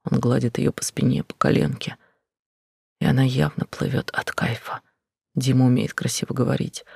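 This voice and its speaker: A man narrating a first-person novel in a quiet, intense, often whispered delivery. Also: mid-range voice, little pitch movement, moderate pace, creaky, husky, no echo, studio quality. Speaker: audiobook narrator.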